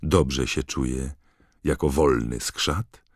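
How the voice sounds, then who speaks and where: A man's voice: rumbling low, fairly even intonation, drawn-out words, no echo, clean studio sound, full character voice. A man voicing a polite, puzzled teenage boy wizard in an audiobook, who asks plain, earnest questions. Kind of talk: audiobook character voice.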